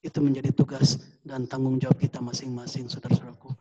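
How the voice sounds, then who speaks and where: A male pastor giving a fervent sermon at a church service streamed over a video call, rising to high pleading tones. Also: completely flat delivery, fast, mellow, muffled recording.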